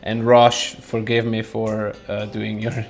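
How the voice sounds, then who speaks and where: A man's voice: fairly low pitch, completely flat delivery, takes it slowly, soft background music. A young man from Switzerland chatting casually to camera as a vlogger, thoughtful and a little hesitant, often breaking into light chuckles.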